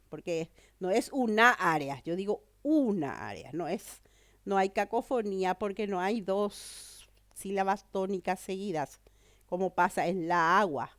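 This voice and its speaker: A woman's voice: medium pitch, no room sound. Female teacher with a cold, patient explainer, close dry mic. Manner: explanatory, checks understanding with "¿verdad?" and "¿mm?". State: has a cold. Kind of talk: online grammar lesson.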